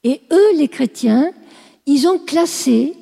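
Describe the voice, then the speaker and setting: A woman's voice: high voice, animated, slow pace, vocal fry, dark tone, in a large hall. A woman teaching a class, explaining at length and often checking whether her listeners follow. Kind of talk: classroom lecture.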